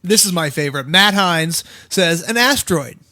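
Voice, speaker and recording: A man hosting a podcast with a high, animated voice and a bright edge. He jokes along while reading listener answers and moving the talk on. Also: normal speed, dry recording, studio quality. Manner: joking, reads listener answers and steers the talk. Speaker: podcast host. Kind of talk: casual chat.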